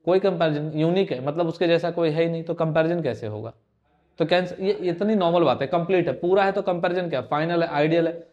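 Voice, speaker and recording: A man's voice: a little high, a little fast, a little mellow, dull audio. A young man teaching an exam-prep grammar lesson, conversational and teasing, firing rhetorical questions at his students.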